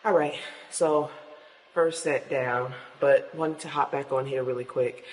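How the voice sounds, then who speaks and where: A woman fitness vlogger talks casually to her viewers, addressing them directly with encouraging, motivational words. Her extremely low, darkish voice is steady and unhurried, backed by soft music. She's indoors in an apartment building gym, where the echoing space adds long reverb and faint noise.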